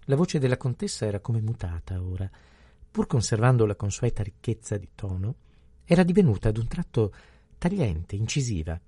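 A man narrating a novel in a steady, even literary reading. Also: fairly low pitch, normal speed, breathy edge, no room sound. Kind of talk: scripted audiobook narration.

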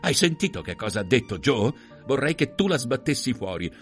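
A man's voice: sing-song, fairly quick, soft background music, close to an everyday voice. A man playing a screaming, furious housewife. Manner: screaming, shrill. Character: furious older housewife, fierce and protective.

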